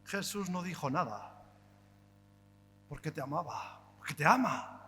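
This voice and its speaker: Male pastor, high and bright delivery, fervent sermon style with sudden loud and soft turns, long church-hall reverb. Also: unhurried, slight background noise. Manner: impassioned, rhetorical questions, swings between loud and hushed. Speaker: preacher.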